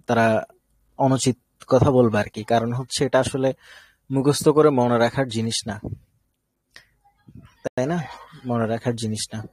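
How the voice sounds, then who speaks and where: A man's voice: medium pitch, a little mellow, husky, dry recording. A man from Bangladesh teaching an online Arabic class, explaining step by step and often checking that students follow. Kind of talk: live online class lecture.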